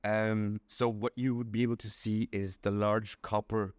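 A young man from Belgium talks as an in an unhurried, methodical way, pausing on ums as he explains. His voice sits a little low, and the room sounds dry and close. He is seated in a small indoor room and recorded on a camera. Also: little pitch movement, dry recording. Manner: patient, explains step by step with many ums. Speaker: interview guest. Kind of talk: casual explanatory chat.

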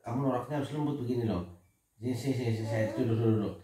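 A man's voice: mid-range voice, rapid-fire, a crowd in the background. A man, a father, chatting casually with his family at home. His talk is playful and teasing. The recording picks him up from a distance in a strongly echoing room. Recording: echoey room, mic far off.

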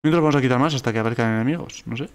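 A man with a Spain Spanish accent talks through his gameplay at a rapid clip. His pitch sits in an ordinary middle range, and he gets excitable, firing off the same word again and again when something startles him. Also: a little hiss or hum. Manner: excitable, repeats words rapidly when alarmed. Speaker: gaming YouTuber. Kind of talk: let's play commentary.

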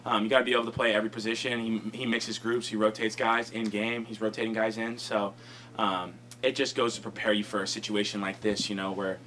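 A man's voice: lowish voice, flat delivery, pushed and bright, a little hiss or hum. A young man, a college football lineman, answering reporters at a post-game press conference, rambling and full of fillers at a table microphone. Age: young adult. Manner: fast, rambling, many fillers like "you know" and "um". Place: press conference room, indoors.

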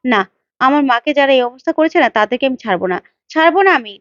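A woman's voice: high-pitched, lively intonation, fast talker, fairly bright tone, no echo, muffled recording. A woman voicing a bold, defiant young woman who scolds and threatens bluntly. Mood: bossy.

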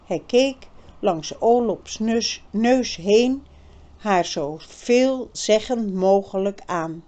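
A woman narrates a storybook slowly and carefully. Her pitch rises and falls with lively expression. The reading is measured and clear. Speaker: audiobook reader.

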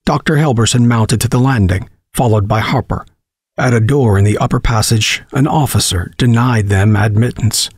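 A man narrating a horror story, reading in a measured, dramatic way. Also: mid-range voice, husky, no echo, studio quality.

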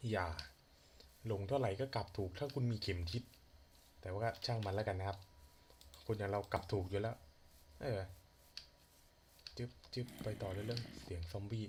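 A young man narrates his gameplay in a loose, chatty way, muttering to himself and blurting out quick exclamations. His voice sits fairly low. A faint computer fan hum and the clicking of a keyboard run underneath. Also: a little mellow. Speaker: gaming channel host. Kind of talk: casual let's-play commentary.

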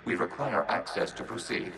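A man voicing a calm, emotionless synthetic machine collective in a video game, speaking in flat, clipped, precise announcements. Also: low-pitched, moderate pace. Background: loud game music.

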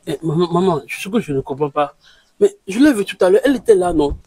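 An actor playing a heartbroken young husband who speaks in a hesitant, halting way. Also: male voice, high-pitched, lively intonation, a little mellow, husky, rough recording. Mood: distressed.

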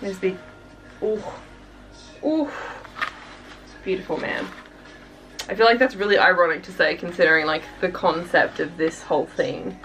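A woman's voice: lowish voice, normal speed, pauses often, a bit bright, recorded from a distance, soft background music, rough recording. A young woman from Australia gushing and chatting casually while unboxing albums for her vlog, full of fillers and sighs. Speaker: K-pop reaction vlogger.

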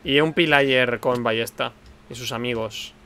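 A man from chatting with friends while playing a game, animated and teasing, with sudden exclamations. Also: medium pitch, normal speed, clear, resonant tone. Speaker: lets-play host. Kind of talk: casual game chat.

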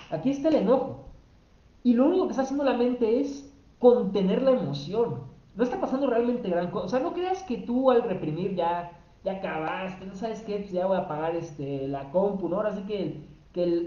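Woman teaching in a roomy, mellow recording. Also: on the high side. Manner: explanatory, asks rhetorical questions, repeats phrases for emphasis. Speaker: emotional wellbeing teacher. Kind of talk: spoken teaching talk. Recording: roomy, slightly dull recording.

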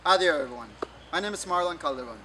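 A man from El Salvador introduces himself in a friendly way, his voice fairly high. He stands outdoors. Clear background noise is heard behind him. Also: lively intonation, brisk. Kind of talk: staff testimonial. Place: outdoors by vehicles.

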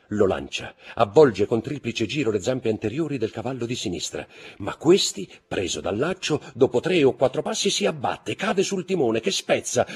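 A man narrating a classic novel aloud with steady, dramatic storytelling. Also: lowish voice, husky. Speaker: audiobook narrator. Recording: faint background music.

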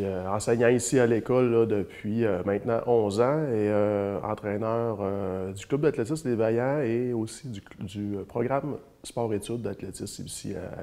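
Guy in his 30s, kinda low voice, calm w/ some euhs, lapel mic indoors. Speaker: teacher and athletics coach. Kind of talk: casual interview answers. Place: indoors, small room against a plain wall.

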